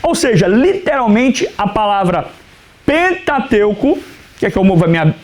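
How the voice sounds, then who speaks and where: A man's voice: high voice, measured pace. A man, a pastor, teaching an Old Testament class and asking his students questions that he then answers himself. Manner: animated teacher who asks questions and answers them himself; keeps telling students to write things down.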